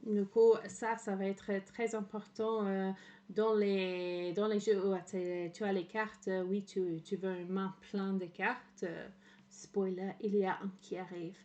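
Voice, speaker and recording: Streamer, young woman, slow unhurried delivery, laughs easily, drifts into English mid-sentence. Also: mid-range voice, little pitch movement, a little mellow. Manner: laughing, switches between French and English, halting restarts. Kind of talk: casual stream chat.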